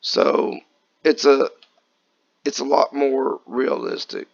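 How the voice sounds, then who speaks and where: A man from Kentucky, raspy from just waking up, chatting casually through gameplay commentary in a relaxed, folksy way. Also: mid-range voice, slow pace, dull audio. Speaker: gaming channel host.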